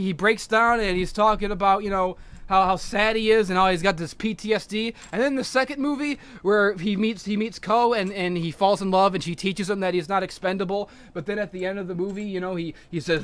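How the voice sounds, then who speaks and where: A man with a high, bright voice chats on a casual podcast. He rambles through long retellings, swears freely and restarts his sentences over and over. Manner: rambling, profane, excitable retelling with many restarts. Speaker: podcast co-host.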